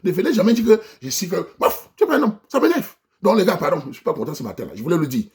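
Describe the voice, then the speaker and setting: High-pitched and rapid-fire, with a breathy edge and huge pitch swings, a Cameroonian man delivers a fervent vlog rant in a Cameroonian French accent. He preaches to his diaspora viewers and exhorts them head-on.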